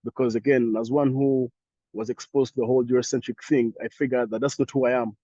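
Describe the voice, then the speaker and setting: Here a young Ugandan panelist speaks English with his home accent, thinking through his replies in an online discussion with frequent stops and restarts. Pitch is medium, the tone level and mellow, and the lo-fi audio carries no echo.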